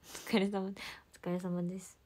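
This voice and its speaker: A woman's voice: mid-range voice, little pitch movement, normal speed. Giggly young woman with a lilt. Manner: chatty and giggly, drifting between soft murmurs and brighter exclamations. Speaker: idol livestreamer. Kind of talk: casual livestream chat, reading viewer comments.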